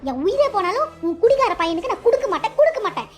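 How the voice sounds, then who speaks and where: Brief: fierce protective stepmother, a woman voicing her, shrill and quick, cartoon. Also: big pitch swings, over loud music. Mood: angry. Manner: scolding, shrill, rapid. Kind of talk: cartoon dialogue.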